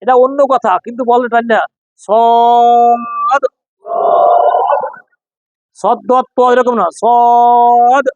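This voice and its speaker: A man's voice: very high voice, fairly even intonation, quick pace, few pauses, no echo, lo-fi sound. A man teaching pronunciation to a class, repeating sounds and quizzing students in call-and-response drills. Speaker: Quran reading teacher.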